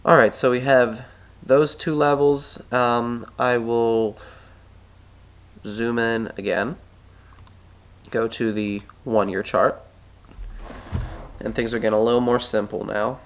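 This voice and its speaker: Slow, level and medium-pitched, with long pauses, a man suffering a stuffy head cold talks through a recorded stock chart tutorial. He's a market analyst who clears his throat, thinks aloud, and frequently fixes his own drawings.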